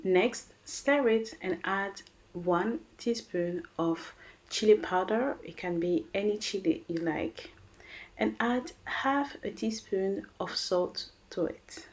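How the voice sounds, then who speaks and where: Speaking slowly in a mid-range voice, a French-accented woman walks viewers through a recipe on her cooking channel. Her voice-over is chatty and encouraging, and she addresses the audience as guys and friends.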